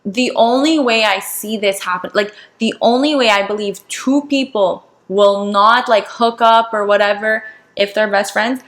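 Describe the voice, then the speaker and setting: A woman's voice: mid-range voice, unhurried, a bit bright. A young woman co-hosting a podcast in casual chat, blunt and swearing freely, acting out quoted dialogue. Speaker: podcast co-host. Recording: roomy echo.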